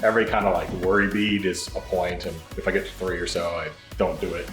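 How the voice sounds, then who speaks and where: A deep-voiced American man from Michigan, a pilot who vlogs, narrates a casual video blog quickly and steadily, thinking aloud informally. The recording has a roomy echo with faint music behind him.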